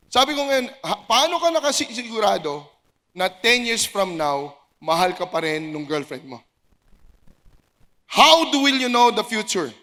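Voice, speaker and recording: Male pastor, high bright voice, animated preaching, acts out quoted people. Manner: animated preaching, code-switching, quotes congregants in raised voice. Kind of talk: sermon. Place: church service in a basketball gym.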